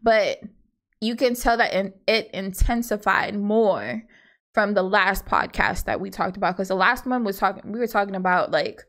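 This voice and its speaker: A woman from Hawaii co-hosts a casual podcast with her husband, sharing opinions as she rambles through her points with plenty of asides and fillers. Her voice is medium-pitched and a bit bright, at normal speed.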